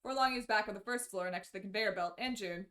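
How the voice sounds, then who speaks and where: A woman streamer reads a story aloud at a brisk clip, breaking off into blunt, joking chat. Her voice sits in an ordinary middle range. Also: mid-range voice, a bit bright. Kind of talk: casual chat and narration.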